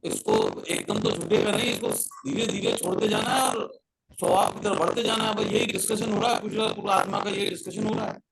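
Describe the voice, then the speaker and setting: A man's voice: sits high, wildly swooping pitch, a little fast, gravelly, a bit bright. A man taking part in a spiritual group discussion over an online call, his voice coming through a distorted, clipping mic as he earnestly explains a point. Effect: distorted, clipping mic audio. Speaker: discussion participant.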